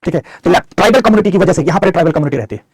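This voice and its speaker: A middle-aged man teaches geography over a map, talking fast with a husky, slightly raised voice. He calls his students "beta", answers their questions and dictates headings for their notes. The sound is close and dry. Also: sits high, lively intonation, dry recording. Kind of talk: online map lecture.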